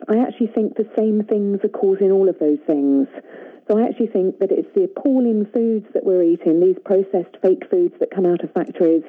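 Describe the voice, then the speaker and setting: A woman's voice: mid-range voice, breathy edge. British woman on a tinny phone line. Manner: brisk, assured, plain-spoken. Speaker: guest nutritionist. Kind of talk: radio phone interview.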